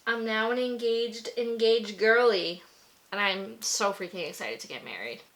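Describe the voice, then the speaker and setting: Bright-voiced chatty young woman vlogger. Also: a little high, a little slow. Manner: gushing, filler-heavy with frequent "like". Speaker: beauty vlogger. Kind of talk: casual chatty storytelling while doing makeup.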